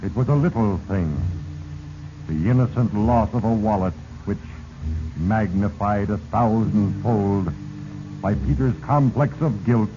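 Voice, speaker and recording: An actor playing Fate, a sinister, solemn narrator with a pompous, ominous delivery in a 1940s radio drama. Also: male voice, on the low side, unhurried, natural voice. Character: Fate, sinister solemn narrator who manipulates mortal lives. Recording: muffled, noisy 1940s radio recording.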